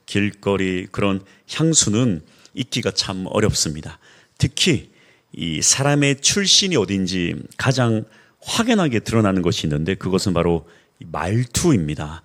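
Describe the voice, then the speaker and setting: A male pastor with a Gyeongsang accent preaching a sermon, telling stories and building in intensity. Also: fairly low pitch. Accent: Gyeongsang Korean.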